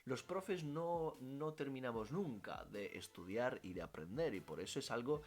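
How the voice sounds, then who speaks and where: A man's voice: mid-range voice, moderate pace. A man with an Italian accent, a language teacher answering questions in a casual vlog, talking freely and correcting himself as he goes. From Italy. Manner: animated, self-correcting, thinks aloud with fillers.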